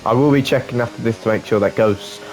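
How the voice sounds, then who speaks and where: A man's voice: mid-range voice, fast, darkish tone, soft background music. A man commentating over his own racing gameplay, chatty and rambling with fillers. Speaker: gaming channel host.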